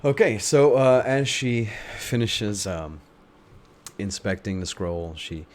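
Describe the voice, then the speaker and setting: Male game master, very deep pitch, improvised halting tabletop narration, faint noise behind. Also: fairly even intonation. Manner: halting, thinks aloud while narrating.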